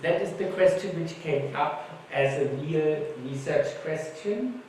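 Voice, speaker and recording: A German man, a native German speaker, tells informal anecdotes as a panelist during a conference talk. His voice is a little high and darkish, at a measured pace, captured by a distant mic in an echoey conference hall with faint noise.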